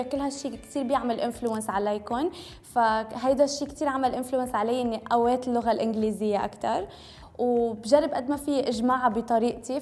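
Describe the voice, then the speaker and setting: A beauty vlogger from Lebanon, a young woman whose first language was French, talks casually to camera in a high-leaning, slightly mellow voice. Her Arabic has a Tripoli Lebanese accent with touches of Syrian Homs, peppered with English words. She's chatty and frequently corrects herself.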